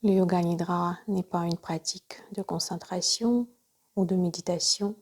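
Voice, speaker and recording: With a voice on the low side and a slight roughness, a woman instructs a guided yoga nidra relaxation. She keeps it gentle and breathy, near a whisper much of the time, using short, calm, measured phrases.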